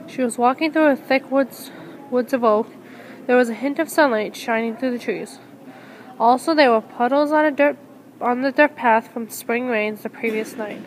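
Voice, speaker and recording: High-voiced woman reading a story. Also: moderate pace, slight background noise, poor audio. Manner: earnest reading with small slips and restarts. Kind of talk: reading a homemade story aloud.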